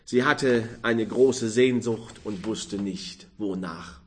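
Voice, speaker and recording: Male narrator, audiobook, slow pace, measured, expressive literary reading. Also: lowish voice. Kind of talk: scripted narration of a novel.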